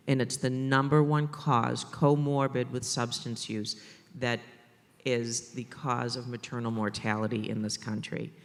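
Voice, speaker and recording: A man with a medium-pitched, gravelly voice and a Boston accent talks on a maternal mental health panel, filling a large hall from the conference stage. He's lively, repeating points for emphasis and tossing in joking asides.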